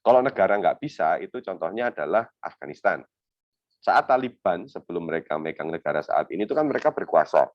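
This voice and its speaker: A young man with a very low voice walks listeners through a webinar lecture, relaxed and conversational and full of filler words. The sound is dry and a bit dull, the lo-fi audio of a video call. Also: quick pace, no echo. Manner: conversational, many fillers and hypothetical examples. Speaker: webinar speaker on refugee law. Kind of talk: academic webinar presentation.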